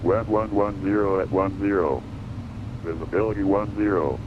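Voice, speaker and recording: A man's recorded airport weather broadcast played over the radio, flatly reading coded weather figures. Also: deep voice, normal speed. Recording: muffled radio with heavy background noise.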